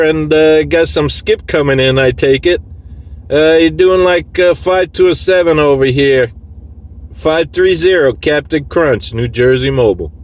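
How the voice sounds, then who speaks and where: A man with a fairly high-pitched voice works as a CB radio operator from inside a vehicle, a mobile unit, talking casually in clipped radio lingo and repeating his call sign. The session is captured on a handheld phone in the vehicle, so the recording is noisy, with clear radio and vehicle sounds in the background.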